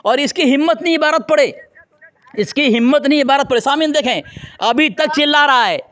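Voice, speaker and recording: A man's voice: very high-pitched, fairly quick, a bit bright. A man in a heated religious debate, combative and taunting as he insults his opponent over a call.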